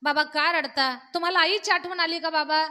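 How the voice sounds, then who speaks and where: A woman's voice: very high voice, normal speed, sharp tone. A woman voicing a grown son who anxiously pleads with his father through urgent, repeated questions. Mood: pleading. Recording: long hall reverb.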